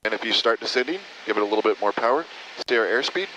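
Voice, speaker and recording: A lowish, sharp-edged male voice with an American accent comes over a slightly noisy cockpit intercom. He is a flight instructor, patiently coaching a student through the controls and encouraging as he goes. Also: lively intonation, quick pace. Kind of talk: hands-on flying instruction. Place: inside a small airplane in flight. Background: engine noise, radio chatter.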